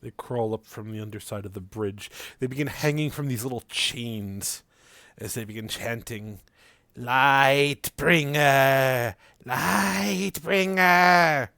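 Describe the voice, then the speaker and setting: A man's voice: fairly low pitch, normal speed, a bit bright, dry recording, clean studio sound. A man narrating a tabletop game as game master.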